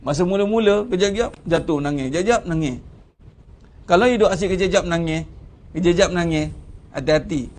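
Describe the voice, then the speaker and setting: A man's voice: high voice, a little fast, a little mellow. A man with a Malaysian Malay accent giving a Ramadan religious lecture, preaching conversationally with rhetorical questions. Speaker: religious teacher.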